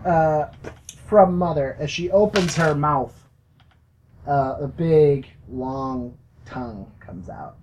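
Podcast game master, unhurried delivery, stops and starts, light background hiss. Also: medium pitch, darkish tone, low-quality recording. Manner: slow, halting narration full of fillers. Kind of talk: narrating a tabletop game for a podcast.

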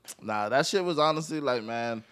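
A man's voice: mid-range voice, expressive, fairly quick, fairly bright tone, smooth. A man co-hosting a podcast, talking in slangy, emphatic casual chat and often talking over the others. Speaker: podcast co-host.

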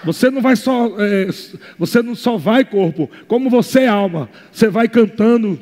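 High-voiced Brazilian pastor preaching fervently. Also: male voice, expressive, moderate pace, big-room sound. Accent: Brazilian Portuguese. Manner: impassioned preaching that swings between quiet asides and shouted exhortation. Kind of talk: fervent sermon.

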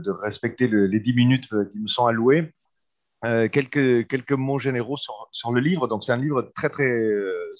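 A man from Argentina gives a seminar commentary on a book, with a mid-range voice. He talks hesitantly, full of restarts and fillers. The sound is a bit dull and lo-fi. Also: medium pitch. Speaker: discussant.

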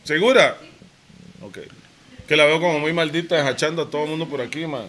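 A man's voice: a little high, brisk, a bit bright, slight background noise. A man, co-hosting a podcast and tossing in wisecracks. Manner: joking, interjecting wisecracks. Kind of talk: casual chat.

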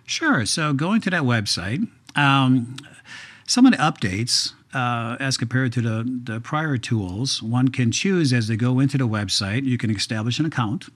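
Man explaining steps, measured and patient. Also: medium pitch, lively intonation, a bit bright. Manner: measured, explains step by step with fillers. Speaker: genetic counselor, guest. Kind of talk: explanatory interview talk.

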